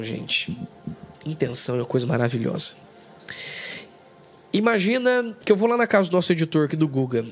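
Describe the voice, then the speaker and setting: A man from Brazil teaching an online Bible lesson as a pastor, emphatic and animated, acting out dialogue. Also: high-pitched.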